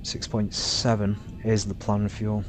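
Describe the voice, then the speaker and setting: A man narrating his flight simulator session casually and haltingly, muttering to himself between pilot radio calls. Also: completely flat delivery. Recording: rumbly background noise.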